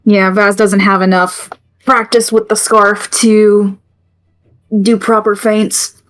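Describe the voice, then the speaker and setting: A woman's voice: mid-range voice, flat delivery, takes it slowly. A woman playing a tabletop game, casually thinking aloud about her moves with fillers. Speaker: player.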